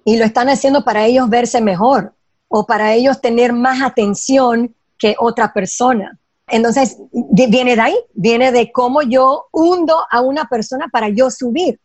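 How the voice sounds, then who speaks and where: A woman's voice: a little high, a little mellow, slightly rough, no echo. A woman giving spiritual advice in an emphatic way, asking rhetorical questions and dropping in English phrases. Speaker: guest teaching Kabbalah ideas. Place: lives in Los Angeles.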